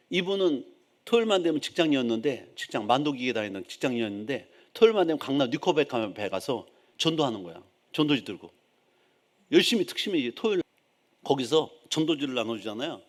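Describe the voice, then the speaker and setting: A middle-aged male pastor preaching a sermon, swinging from quiet asides to loud, emphatic outbursts and acting out complaining believers. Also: mid-range voice. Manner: acts out complaining believers in a raised voice.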